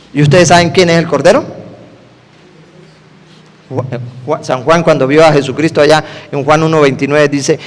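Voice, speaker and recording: A man preaching an animated sermon, firing quick questions at his listeners. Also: on the high side. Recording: long hall reverb.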